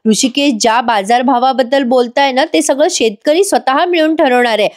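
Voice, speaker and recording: A woman's voice: sits high, normal speed, pitched above the performer's own voice, natural voice. A woman reading the firm, defiant lines of a determined young village woman in a TV serial recap.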